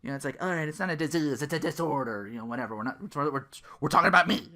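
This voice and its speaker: Very fast and pushed, a bright mid-range voice carries this podcast host's casual rambling. Sardonic and profane, the content creator often acts out quotes within the commentary.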